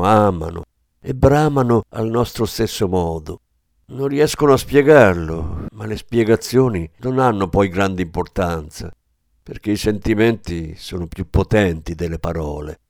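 A man's voice: fairly low pitch, darkish tone, no room sound, studio quality. A man playing a grief-stricken lover. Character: grief-stricken man mourning his dead love.

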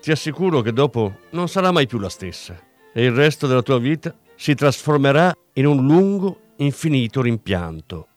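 A man's voice: mid-range voice, sing-song, moderate pace, no echo, faint music behind, close to an everyday voice. A man voicing an angry police officer who delivers cold, cutting threats. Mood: cold menace.

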